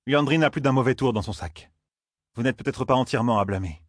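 A man's voice: medium pitch, fast, dry recording, pitched above the performer's own voice, lightly acted. Man doing a stern curt woman, commanding, prickly, dry close voice. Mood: measured. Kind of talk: audiobook reading.

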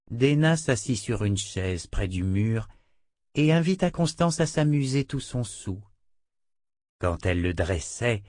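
A man reads a novel aloud in a low voice, taking every part himself. The sound is close and dry, with no room around it. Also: darkish tone, no room sound. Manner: reads all parts, lifting pitch for the women's lines. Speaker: narrator. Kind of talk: audiobook narration.

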